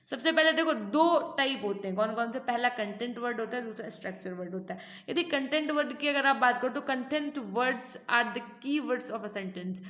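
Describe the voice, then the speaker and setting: High-voiced Indian woman teaching in an echoey room. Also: expressive, fairly bright tone. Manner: explains in Hindi, reads English text slowly aloud. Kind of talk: online lecture.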